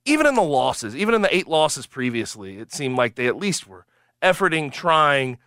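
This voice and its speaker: A man's voice: a little high, big pitch swings, moderate pace, bright, forceful tone, no room sound. A man hosting a sports talk radio show in a radio studio, chatty and emphatic.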